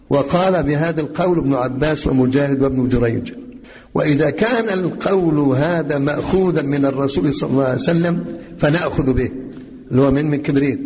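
A man with an Egyptian Arabic accent gives a religious lesson on Quran commentary and quizzes his listeners with rhetorical questions. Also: fairly high pitch. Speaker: religious teacher. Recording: long reverb, faint noise.

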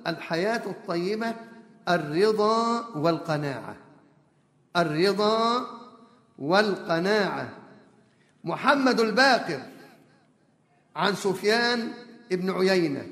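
A man's voice: high voice, fairly bright tone. A man preaching a sermon, telling stories of early Muslims and explaining each phrase, sometimes chanting verses. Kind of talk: sermon storytelling. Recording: echoey hall.

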